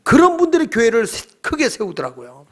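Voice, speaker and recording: A man preaching a night-service sermon in a church, lively and firing questions at the congregation. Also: very high-pitched, brisk. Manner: animated, quizzes the congregation. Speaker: pastor.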